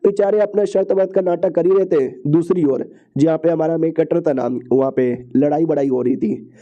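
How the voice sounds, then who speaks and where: A man's voice: a little high, normal speed, warm tone. A man narrating a comic-book story recap in a chatty, slangy way, often repeating phrases. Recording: dull lo-fi recording.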